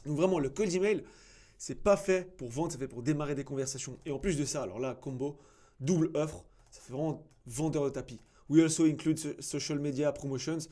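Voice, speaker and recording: Male host, fairly high, dark-toned voice, blunt and sarcastic, lots of fillers. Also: a little fast. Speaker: agency founder critiquing a cold email. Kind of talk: casual commentary to camera.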